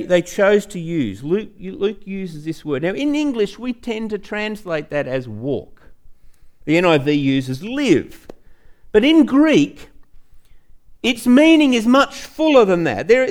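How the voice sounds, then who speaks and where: This man's high-pitched voice carries a teaching sermon delivered in a conversational manner, with rhetorical questions aimed at the listener and phrases repeated for emphasis.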